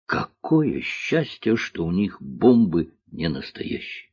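A man voicing a stern one-armed army officer who speaks slowly and dryly, in a dull lo-fi recording. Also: low voice, big pitch swings, a little mellow, breathy edge, no echo, full character voice.

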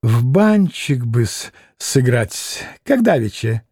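Guy doing a giggly sucking-up hanger-on, stammers, slow. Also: medium pitch, sing-song, darkish tone, breathy edge, dry recording, studio quality, pitched below the performer's own voice, full character voice. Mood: sly. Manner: tittering, stammering. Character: fawning giggling hanger-on man.

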